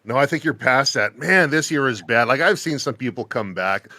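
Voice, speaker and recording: A man hosting a podcast interview, relaxed and conversational, getting softer as he tells stories. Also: mid-range voice, normal speed, no room sound, studio quality. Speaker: podcast host. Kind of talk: casual interview.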